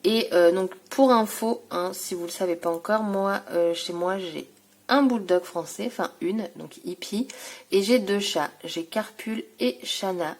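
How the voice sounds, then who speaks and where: A woman's voice: mid-range voice, measured pace, darkish tone. A woman from France chatting casually as she shows off craft gifts, hesitating often with fillers. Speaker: scrapbooking vlogger. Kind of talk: casual show-and-tell vlog.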